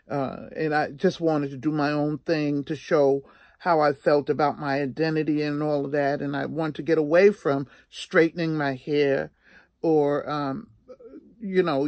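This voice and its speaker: A woman in her sixties with a low-pitched voice tells a personal story in a casual, chatty vlog style, animated and emphatic, often repeating herself for effect. The recording is dry and studio-clean.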